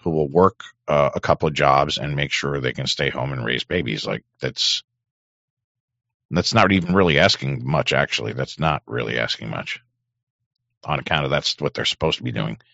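A middle-aged man with a hoarse throat hosting an on-air show, rambling and swearing, often clearing his throat. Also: rumbling low, normal speed, pushed and bright, no room sound. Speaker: show host. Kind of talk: casual on-air monologue. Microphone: studio microphone. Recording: dry, dull lo-fi mic.

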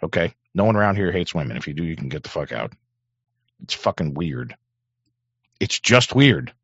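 A middle-aged man with a hoarse throat hosting an on-air show, rambling and swearing, often clearing his throat. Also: rumbling low, lively intonation, moderate pace, fairly bright tone, no echo. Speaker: show host. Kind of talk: casual on-air monologue. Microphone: studio microphone. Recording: dry, dull lo-fi mic.

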